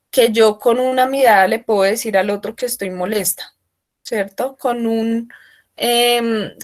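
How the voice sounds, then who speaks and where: A woman giving an online workshop, explaining loudly and often checking in with her listeners. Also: a little high. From Colombia. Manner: explanatory, asks frequent check-in questions; speaking loudly for remote listeners. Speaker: workshop trainer. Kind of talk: online training talk.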